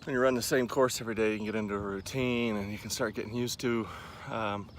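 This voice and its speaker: A low-voiced man in his forties chats to camera for a casual running vlog while pacing around a park by a lake. He speaks at a quick pace with a steady tone, rambling and poking fun at himself, and the recording clearly captures the outdoor ambience.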